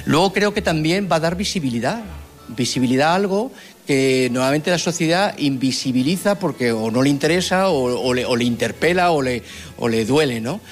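A man's voice: fairly high pitch, expressive, moderate pace, faint music behind. A man answering interview questions in an earnest, rambling way with many restarts.

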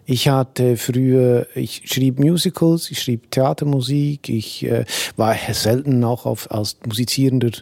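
A man in his sixties with a mixed Swiss German accent speaks with a gravelly, dark-toned voice. He answers as a radio interview guest, reflective and hesitant, often restarting his sentences. The sound is close and dry. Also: medium pitch, steady tone, unhurried, few pauses, no room sound. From Switzerland. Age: 60s. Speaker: cabaret songwriter, interview guest.

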